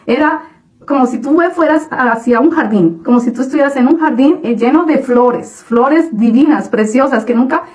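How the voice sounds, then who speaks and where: A woman giving a personal religious testimony, halting often with restarts and fillers. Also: sits high, darkish tone, low-quality recording. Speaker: testimony speaker.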